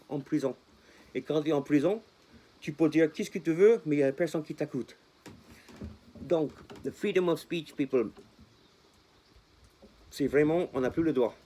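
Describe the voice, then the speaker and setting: Fairly high in pitch yet dark in tone, a man chats to camera for his vlog audience in French with a foreign accent. He's enthusiastic, circles back over the same points, and drops in bits of English.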